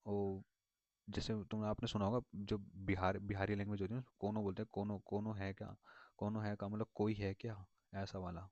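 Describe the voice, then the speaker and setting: A man's voice: lowish voice, dark tone, dry recording. A man teaching vocabulary in a casual, rambling way, repeating words and circling back with many fillers. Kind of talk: casual explanatory lesson. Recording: dull lo-fi dry recording.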